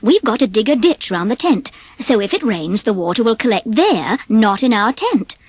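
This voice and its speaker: A woman's voice: on the high side, sing-song, normal speed, husky, no room sound. A woman voicing a bossy, boastful male cartoon mouse uncle in a children's storybook. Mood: firm.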